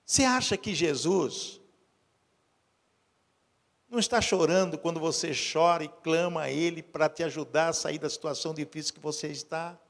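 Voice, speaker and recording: A man preaching a sermon as pastor. He moves from quiet storytelling to loud, urgent exhortation. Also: fairly high pitch, normal speed, gravelly. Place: church. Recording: long hall reverb.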